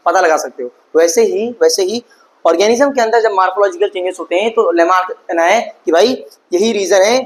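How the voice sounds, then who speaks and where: A high-voiced man teaches an online lesson. He mixes English terms into his talk and reads English sentences out slowly. He keeps asking his students questions and then answers them himself. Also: rough recording. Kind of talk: online class lecture.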